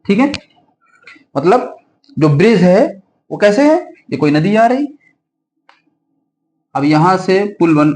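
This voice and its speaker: Male grammar teacher, fairly high voice, advising classroom tone, slow word-by-word dictation. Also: big pitch swings, darkish tone. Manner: explains in Hindi with English examples, dictated slowly word by word; frequent checking "ठीक है" fillers, advising tone. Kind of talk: classroom-style grammar lesson for exam students.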